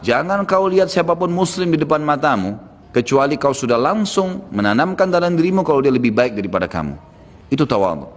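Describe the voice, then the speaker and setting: A man delivering an emphatic sermon, moving between raised warnings and low solemn tones. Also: animated, brisk. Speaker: preacher. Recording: reverberant hall with faint background noise.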